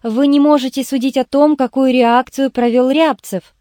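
A woman's voice: sits high, normal speed, dry recording, studio quality, natural voice. A woman reading the lines of a cold, composed schoolteacher in an audiobook. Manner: even, contemptuous.

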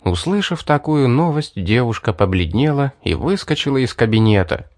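A man's voice: medium pitch, dry recording, studio quality. Man narrating a fantasy audiobook dryly. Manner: even, measured storytelling.

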